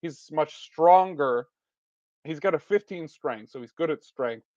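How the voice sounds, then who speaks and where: A man's voice: on the high side, expressive, measured pace, darkish tone, no echo. A man narrating a solo tabletop game as its game master, thinking aloud and poking fun at himself. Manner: musing aloud, self-deprecating. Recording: dull, dry recording.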